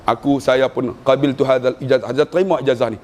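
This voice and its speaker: A man's voice: medium pitch, fast talker. A man from Malaysia with a Malaysian Malay accent, preaching a humorous sermon, telling stories and chanting recitation. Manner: animated storytelling with jokes and chanted recitation.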